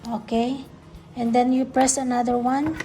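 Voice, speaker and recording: A woman with a high voice talks at a normal speed in a level tone. She's a childcare educator vlogging a casual unboxing demo, explaining each step simply and often repeating herself. Music plays in the background.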